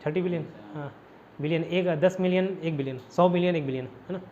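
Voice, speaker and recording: A man's voice: a little high, brisk, dark tone, dull audio, slight background noise. A man from India teaching a casual vocabulary lesson in a classroom, explaining each word with repeated rhetorical questions.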